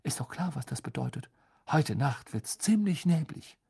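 A man's voice: on the high side, big pitch swings, unhurried, vocal fry, breathy edge, no echo, studio quality, voice pushed up, full character voice. A man voicing a joking teenage schoolboy in an audiobook, wry and mocking, partly in a muttered half-whisper. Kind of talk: audiobook character voice.

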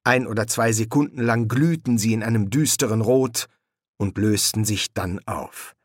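A man narrating an audiobook in a measured, expressive storytelling manner. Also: on the low side, no echo, clean studio sound. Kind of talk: scripted narration.

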